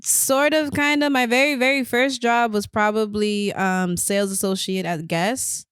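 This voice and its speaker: A young woman co-hosting a podcast, chatting casually with jokes and quick interjections. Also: on the high side, fairly even intonation, fairly bright tone, smooth, no room sound, clean studio sound. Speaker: podcast co-host. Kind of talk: casual chat.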